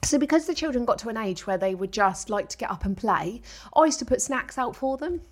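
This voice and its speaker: A woman's voice: fairly high pitch, lively intonation, a little fast. A British woman in her thirties co-hosting a casual chat, blunt and teasing, with some swearing. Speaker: podcast co-host.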